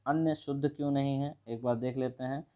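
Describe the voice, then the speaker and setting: Brisk man teaching grammar. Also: medium pitch, fairly even intonation, lo-fi sound. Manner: brisk, repeats each word and asks the viewer. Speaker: Hindi teacher. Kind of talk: exam revision lesson.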